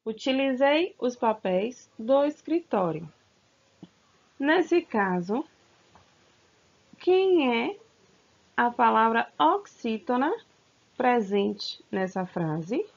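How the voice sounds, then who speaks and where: A woman's voice: on the high side, very animated, drawn-out words, creaky, pauses often, darkish tone. A woman teaching a recorded grammar lesson to children, stretching out words and coaxing them with questions. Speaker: school teacher. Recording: slightly dull, lo-fi sound.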